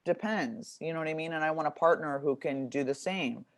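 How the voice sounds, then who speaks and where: A woman with a deep voice chatting candidly, in a brash, sweary, storytelling manner. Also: brisk. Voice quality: deep voice, often mistaken for a man's. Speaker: podcast guest. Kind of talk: candid casual chat.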